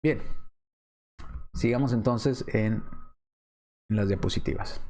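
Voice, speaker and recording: A man's voice: fairly low pitch, slow pace, darkish tone, a little hiss or hum. A man from Mexico, teaching a Bible study lesson from slides, reasoning aloud with rhetorical questions and frequent hesitations.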